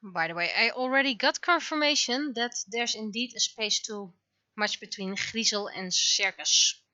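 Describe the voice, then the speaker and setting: A webcomic artist livestreams while working on her art, rambling casually and thinking aloud, sometimes acting out exchanges she remembers. Her voice is on the high side and sharp-toned at a normal speed, captured with lo-fi sound.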